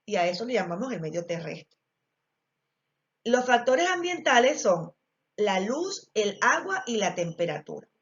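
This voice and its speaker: A woman's voice: medium pitch, big pitch swings, unhurried. Ecuadorian woman teaching biology. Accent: Ecuadorian Spanish. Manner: explanatory, with frequent fillers and check-ins. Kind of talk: recorded class lesson. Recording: dull lo-fi recording.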